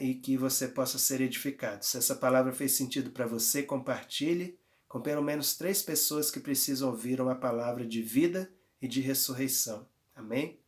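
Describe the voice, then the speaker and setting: Fervent preacher man. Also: mid-range voice. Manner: fervent, drawn-out emphasis with frequent hallelujahs. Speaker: pastor. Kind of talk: sermon and prayer.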